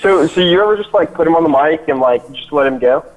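A man's voice: a little high, animated, fast talker. A young man and father, chatting casually on a podcast in a laid-back way, full of "dude" and "like". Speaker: podcast co-host. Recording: dull lo-fi sound.

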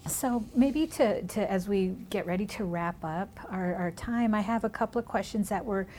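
Her mid-range, darkish voice moves at a moderate pace as she hosts a conversation on education, reflective and full of restarts and "you know"s. Born in California and raised in Minnesota, she speaks Spanish as her first language, and there's a slight hiss or hum.

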